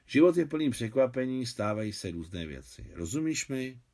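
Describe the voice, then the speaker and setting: A man reading the lines of a gentle, wealthy woman benefactor in a novel, softly and measuredly. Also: medium pitch, sing-song. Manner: soft, measured.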